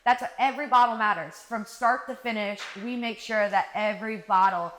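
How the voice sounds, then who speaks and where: Woman, animated storyteller, higher pitch, chatty guest who acts out dialogue. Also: brisk, slight background noise. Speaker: marketing director guest. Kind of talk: casual interview storytelling. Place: live podcast recording.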